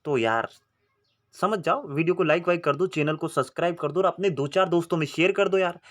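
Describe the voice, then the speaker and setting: A man's voice: on the high side, brisk, a bit bright. A young man, teaching exam memory tricks in a chatty, coaxing way, repeating points and asking rhetorical questions. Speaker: exam-prep tutor and channel host. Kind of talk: informal teaching to camera.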